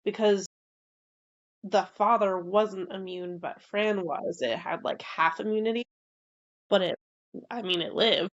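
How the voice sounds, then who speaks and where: A woman's voice: mid-range voice, unhurried, long pauses. A woman on a podcast, carefully explaining a book's plot, hedging with "like". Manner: thoughtful, hedging with "like". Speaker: podcast co-host. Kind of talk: casual book discussion. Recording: dull lo-fi recording.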